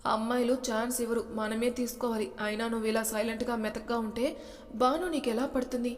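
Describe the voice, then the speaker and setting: A woman's voice: fairly high pitch, steady tone, brisk, long reverb tail, natural voice. A woman voicing a playful younger brother who teases his older brother. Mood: teasing.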